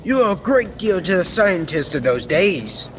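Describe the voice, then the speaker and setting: A student actor, a teenager or young adult, plays an earnest, proud scientist-inventor in an old-time radio serial, explaining things in a formal, technical way. His voice is high and at normal speed. Soft background music plays in a reverberant hall with steady background noise.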